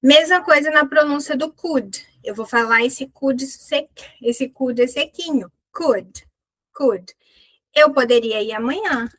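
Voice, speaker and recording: Animated Brazilian woman teaching English. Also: high voice, dry recording, poor audio. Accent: Brazilian Portuguese. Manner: animated, says English examples slowly and with stress. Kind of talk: online English lesson.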